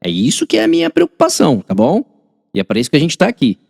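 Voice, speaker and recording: A man's voice: fairly high pitch, huge pitch swings, quick pace, gravelly, darkish tone, breathy edge, no echo, clean studio sound, long reverb tail. A man with a Brazilian Portuguese accent, correcting a mock exam in an online class and checking in with his students constantly. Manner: chatty, asks the class constant check-in questions. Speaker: teacher.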